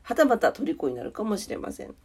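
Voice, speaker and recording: Her pitch a little high and wildly swooping, a woman with a nasal, congested voice chats politely on her solo morning radio-style show. She covers weather and daily notes a little fast, in a darkish tone, over a little hiss or hum.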